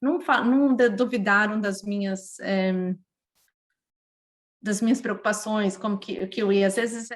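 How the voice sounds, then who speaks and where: On a casual podcast, a guest from Brazil, an adult woman who is mother to a young child, tells her personal stories in a lively, emotional way. She speaks unhurriedly in a medium pitch, with a Brazilian Portuguese accent.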